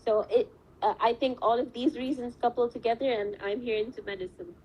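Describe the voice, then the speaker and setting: Young woman, slightly high voice, earnest, reflective interview answers. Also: steady tone, fairly quick, warm tone, breathy edge, rough recording. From Saudi Arabia. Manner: earnest, reflective, talks at length. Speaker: medical student guest.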